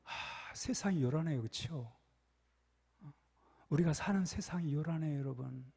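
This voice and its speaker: A male pastor delivers a sermon with animated storytelling, piling up repeated phrases and turning to the congregation with questions. His voice sits high for a man, and it rings through a church sanctuary with a long reverb tail. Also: measured pace, creaky, slightly rough. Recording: echoey church hall.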